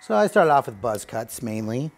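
A man's voice: medium pitch, big pitch swings, normal speed. A man in his thirties, a barbershop owner, talking earnestly and gratefully in a casual interview while he cuts hair, with lots of fillers. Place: barbershop basement.

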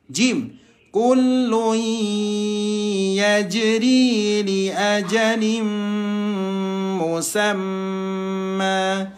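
A man's voice: sits high, fairly even intonation, drawn-out words, pauses often, a bit bright, soft background music. An Indonesian man teaching Quran reading, chanting Arabic examples with over-enunciated, stretched syllables. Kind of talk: instructional lesson with chanted Arabic recitation examples.

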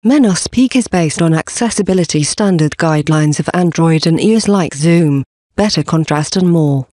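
A man giving a scripted presentation for a company, reading slide contents and symbols aloud in a steady, even delivery. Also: fairly high pitch, normal speed, no room sound, clean studio sound.

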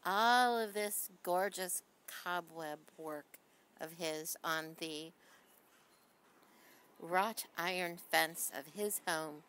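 Woman vlogger in her car, chatty and excited, talks slow. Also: on the low side, clean tone. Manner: chatty and enthusiastic. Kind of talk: casual vlog narration.

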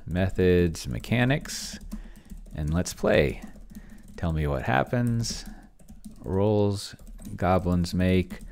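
With a low, creaky, darkish voice and a bit of hiss or hum in the audio, a middle-aged man mutters fragments of thought while typing on a computer keyboard. He's a streamer and solo role-player casually commenting on a live stream from a small room in his home.

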